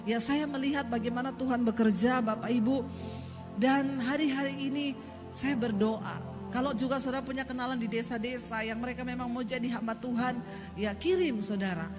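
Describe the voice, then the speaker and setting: A woman's voice: on the high side, a little fast, music in the background. Emphatic woman preaching in a hall. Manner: emphatic, lively storytelling with acted quotes. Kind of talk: sermon. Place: church hall. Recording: long reverb of a church hall.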